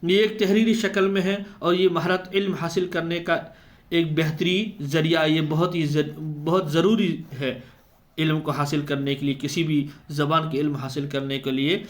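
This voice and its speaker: A man's voice: on the high side, steady tone. A man giving an exam-prep lecture, who explains step by step and answers his own questions. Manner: slows down to spell out letter sounds. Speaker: teacher.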